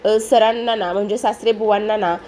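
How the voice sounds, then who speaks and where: A smug young son-in-law who gloats over his schemes in a mocking tone, as a woman narrator reads him. The pitch sits in the middle, with a faint background hiss. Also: fairly even intonation, normal speed, a little mellow, natural voice.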